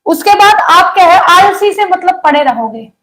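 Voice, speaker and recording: A woman's voice: extremely high pitch, lively intonation, moderate pace, bright, forceful tone. A young woman teaching an online exam-prep lesson in a chatty way, teasing her students with jokes.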